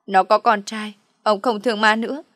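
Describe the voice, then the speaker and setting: A weepy, jealous older wife whining out her grievances in loud bursts, as a woman puts her on. The sound is dry and close, with no room behind it. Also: mid-range voice, fairly even intonation, fast talker, dry recording, natural voice. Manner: tearful, whining complaints.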